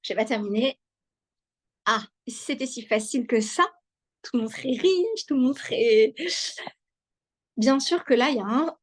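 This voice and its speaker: A high-pitched woman lecturing to a live online audience over a video call. She speaks directly to her listeners and repeats key ideas. She often hesitates and restarts a sentence. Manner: warm, repetitive, addresses listeners directly. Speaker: lecturer on wellbeing.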